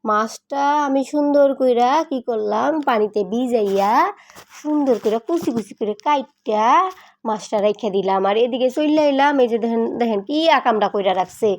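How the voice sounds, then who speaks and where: Bangladeshi lady, middle aged, high voice, chatty home vlog from her kitchen, teasing and coaxing her cats. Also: moderate pace, darkish tone. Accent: colloquial Bangladeshi Bengali. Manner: playfully scolds and coaxes her cats. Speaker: pet vlogger.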